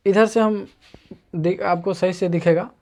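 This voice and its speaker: A man's voice: high voice, steady tone, measured pace, darkish tone. A man teaching an online math lesson, explaining patiently and going over each step again and again. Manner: patient, repetitive explaining, walking through steps.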